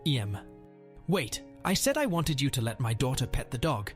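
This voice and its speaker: A man's voice: mid-range voice, sing-song, moderate pace, soft background music, natural voice. A man voicing a stubborn, entitled adult mother who insists and dismisses everyone in a story narration. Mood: insistent.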